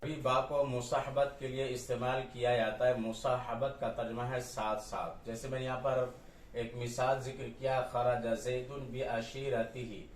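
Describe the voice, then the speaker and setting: A man's voice: mid-range voice, flat delivery, moderate pace, a little hiss or hum. Urdu-accented man teaching grammar, echoey. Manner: explains step by step, repeats each example and its translation. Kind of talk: classroom-style grammar lesson. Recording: echoey room, mic at a distance.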